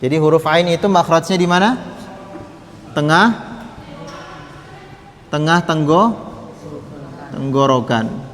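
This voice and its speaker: A man teaching tajwid, patiently demonstrating Arabic sounds slowly and having the class repeat after him. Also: fairly high pitch, a bit bright, in a large hall. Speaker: Quran recitation teacher. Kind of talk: tajwid lesson with chanted examples.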